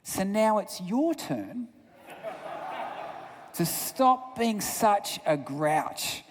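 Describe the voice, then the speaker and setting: A man plays a small girl who earnestly tells her grumpy father to change, in a slightly raised, slow voice. The sound echoes around a large hall. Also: high voice, big pitch swings, background noise, heavily acted. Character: small girl scolding her grouchy dad.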